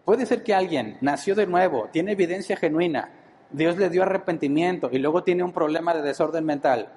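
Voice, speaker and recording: A man's voice: a little high, a little fast, darkish tone, slight background noise, poor audio. A man preaching a sermon-style teaching, often asking his listeners rhetorical questions.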